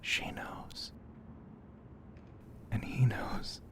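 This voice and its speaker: This is a male ASMR narrator, close to the microphone, using a hushed, breathy whisper. The story unfolds slowly and poetically, broken up by many pauses.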